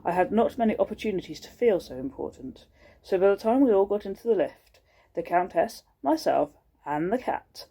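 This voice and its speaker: A woman teacher reading a storybook aloud to children, expressive and pausing to show the pictures. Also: medium pitch, slightly rough.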